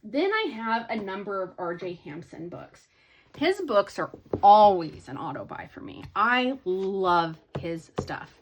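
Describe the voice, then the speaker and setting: Chatting casually in her hobby haul video, a woman with a mid-range voice sounds very animated yet keeps a measured pace. She's sleepy and yawns as she rambles, restarting often and filling gaps with ums.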